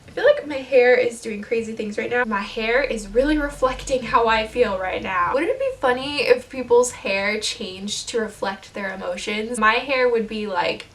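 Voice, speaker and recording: Young female book vlogger, excitable chatter, slightly high voice, mic a little distant. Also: normal speed, few pauses. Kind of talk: casual vlog chat.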